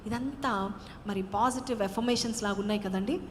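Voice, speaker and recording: A woman pastor preaching a sermon, slipping English phrases into her talk and building to loud proclamations. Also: medium pitch, brisk, long reverb tail, slight background noise.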